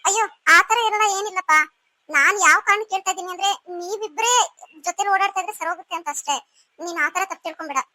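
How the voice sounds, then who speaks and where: A woman voicing a gentle, soothing older sister. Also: extremely high pitch, fairly even intonation, fast talker, no echo. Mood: caring. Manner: coaxing, soothing.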